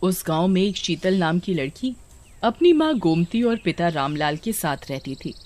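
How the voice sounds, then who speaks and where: A woman narrating a storybook tale in a steady, expressive reading voice. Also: on the low side, normal speed.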